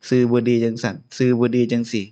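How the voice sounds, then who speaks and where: A man's voice: medium pitch, little pitch movement, quick pace, warm tone, clean tone, muffled recording. A man with an Isan Lao accent giving an informal Buddhist sermon as abbot, chatty and chuckling often. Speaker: abbot giving a Dharma talk.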